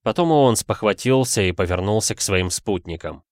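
A man reading scripted narration for an audiobook in a measured storytelling manner. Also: fairly low pitch, animated, dry recording, clean studio sound.

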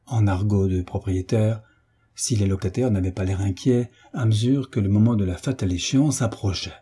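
A man narrating a classic novel as an audiobook, measured and steady. His voice is low and husky, with a very dark, mellow tone. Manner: measured, storytelling.

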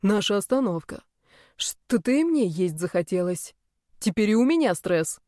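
A woman voicing a teasing, self-assured young male nobleman in an audiobook, speaking calmly with lazy amusement. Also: mid-range voice, normal speed, no echo, studio quality, natural voice. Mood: amused. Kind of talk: audiobook character reading.

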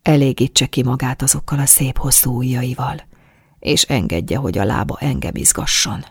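A woman reading a husky, hushed male lover. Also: low-pitched, steady tone, no echo, clean studio sound. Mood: hushed, pleading. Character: soft-spoken man, a hushed courteous lover. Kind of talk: audiobook reading.

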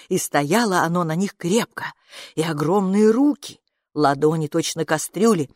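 A woman reading a children's story aloud as narrator, with a lively, expressive delivery. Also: on the low side, no room sound, clean studio sound. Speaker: audiobook narrator. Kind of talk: scripted narration.

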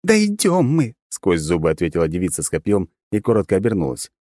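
A man voicing a harsh, bossy young woman fighter with a thin, almost childlike voice who yells orders and insults. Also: low voice, fast talker, no room sound, clean studio sound, close to an everyday voice. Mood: shouting, impatient.

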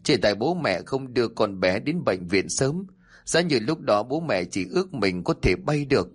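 A man's voice: medium pitch, expressive, normal speed, slightly rough. Man doing a sly, trembling old father-in-law. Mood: feigned grief. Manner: trembling, pleading lament. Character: sly older father-in-law, fake-pious and whiny.

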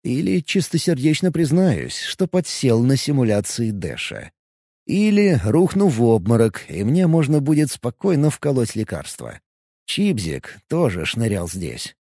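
A man narrating a first-person audiobook in an expressive, lively way. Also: mid-range voice, measured pace, vocal fry, no echo, clean studio sound.

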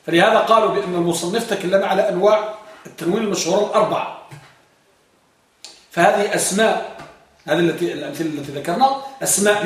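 A man teaching grammar to a class, asking students questions and slowly chanting examples and verse. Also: high-pitched. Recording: echoey classroom from far off.

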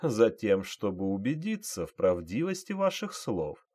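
Man reading a measured male interrogator, slow, deep voice. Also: big pitch swings, darkish tone, husky, full character voice. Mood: probing. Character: calm, probing male interrogator.

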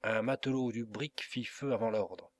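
A man narrating a classic adventure novel as an audiobook reader, in an expressive, dramatic storytelling manner. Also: fairly low pitch, moderate pace, no room sound.

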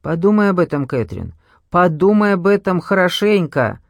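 A man's voice: high-pitched, sing-song, normal speed, creaky, no echo, full character voice. A man voicing a cruel, mocking ex-husband who taunts in a sneering way. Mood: menacing.

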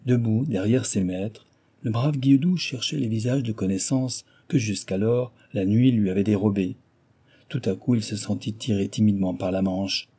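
A man narrating an audiobook in a measured, even reading. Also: fairly low pitch, husky. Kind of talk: scripted narration.

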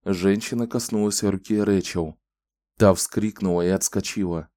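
A man calmly narrating a novel as an audiobook reader, close to the microphone. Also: sits low, normal speed, no room sound.

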